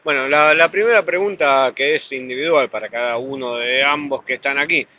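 A man's voice: medium pitch, brisk. A man interviewing two poets, asking playful, rambling questions. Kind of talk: casual interview. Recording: tinny phone-like sound, background hiss.

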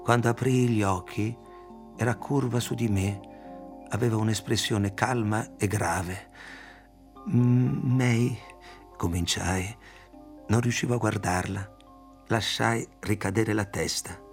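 A man reading a literary novel aloud, in a measured, even storytelling manner. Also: fairly low pitch, soft background music. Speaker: audiobook reader. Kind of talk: literary audiobook narration.

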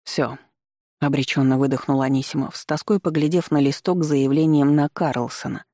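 An audiobook narrator reads a comic story in a lively, wry way, at a middle pitch. The sound is close and completely dry, with no room around the voice. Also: a little fast, no echo. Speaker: audiobook reader.

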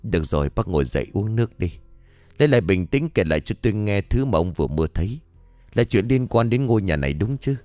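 A man voicing a concerned master who calmly asks an older man what he dreamed. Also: lowish voice, fast talker, no echo, soft background music. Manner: steady, reassuring. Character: calm concerned male spiritual master.

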